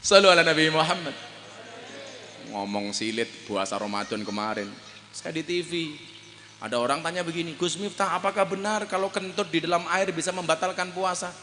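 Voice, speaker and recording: A man preaching a comedic sermon, jokey and animated, shouting punchlines and making sound effects. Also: on the high side, a little fast. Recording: long hall reverb.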